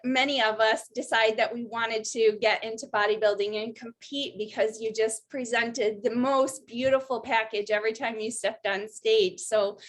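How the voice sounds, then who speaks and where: A young adult woman hosting a podcast interview, bubbly and gushing with enthusiasm. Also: a little high. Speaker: podcast host. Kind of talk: casual interview chat.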